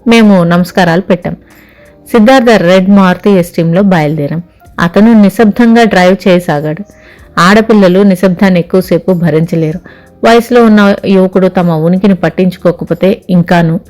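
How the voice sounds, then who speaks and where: A woman's voice: on the low side, normal speed, a little mellow, soft background music. A woman narrating an audio story in the first person, reading steadily and reflectively.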